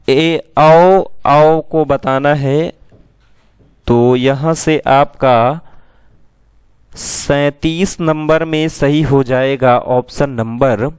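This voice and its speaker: Slow, clear-voiced male teacher. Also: on the high side, dry recording, clean studio sound. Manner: slow and drawn-out, asks questions then answers them. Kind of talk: exam-prep lesson.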